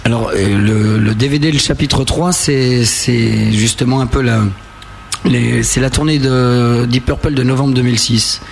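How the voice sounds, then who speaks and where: Rocker guy, gravelly smoker voice full of fry, jokey radio chat, bit of noise behind. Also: medium pitch, steady tone, unhurried. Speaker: rock band member being interviewed.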